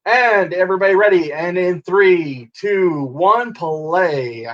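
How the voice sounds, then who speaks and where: A man's voice: high-pitched, slow, fairly bright tone, muffled recording. A man hosting a casual watch-along chat, rambling and laughing often, heard over a distorted internet call. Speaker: podcast host. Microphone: laptop on video call.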